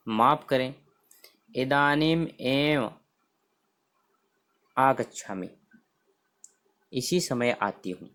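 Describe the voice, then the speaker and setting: A man's voice: mid-range voice, fairly bright tone. A man teaching a textbook lesson, reading each line and then explaining it word by word, often repeating phrases. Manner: reads lines then explains them word by word.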